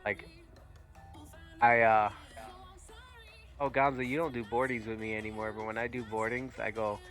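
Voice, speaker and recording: A man's voice: mid-range voice, little pitch movement, normal speed, fairly bright tone, soft background music. A man bantering on a voice chat during a game, blunt and crude, swearing freely. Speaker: player. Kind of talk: casual gaming banter on voice chat.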